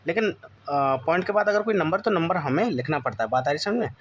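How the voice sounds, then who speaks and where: A man teaching a class ten physics lesson, often asking students questions and checking that they follow. He keeps saying "okay" and reads English textbook lines in an Indian English accent, slowly and deliberately. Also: a little high, animated, a bit bright, highs cut off, slight background noise. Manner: addresses students as beta, repeats "theek hai" often. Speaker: physics tutor. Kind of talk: board-exam coaching lesson.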